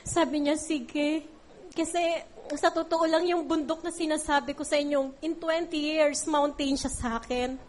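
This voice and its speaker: A woman's voice: high voice, fairly even intonation, moderate pace, a little hiss or hum. A middle-aged woman giving a heartfelt church testimony, tearful at times and using many fillers.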